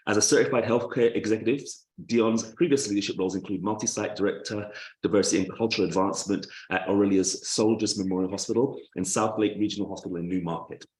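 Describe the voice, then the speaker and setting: A man's voice: lowish voice, fairly even intonation, fast talker, a little mellow, echoey room, rough recording. A man, a bit out of breath, introducing a guest speaker in a chatty way over a video call. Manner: chatty, laughs easily, restarts phrases.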